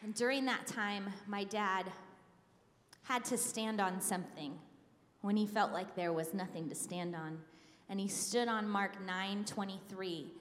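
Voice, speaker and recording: A woman sharing a healing testimony as an animated storyteller. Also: mid-range voice, measured pace. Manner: animated storyteller who acts out quotes. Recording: echoey hall, long reverb.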